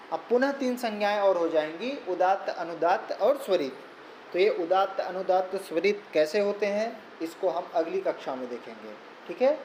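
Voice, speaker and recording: A man's voice: high-pitched, a little mellow. A man teaching Sanskrit grammar in a recorded lesson, explaining patiently step by step and repeating key points. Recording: echoey room with faint background noise.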